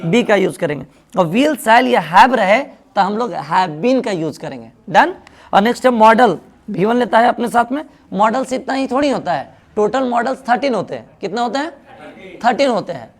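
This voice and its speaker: A man's voice: high-pitched, lively intonation, measured pace. A man from India with a Bihari Hindi accent, teaching an English grammar lesson in a classroom style, asking the class questions and then answering them himself.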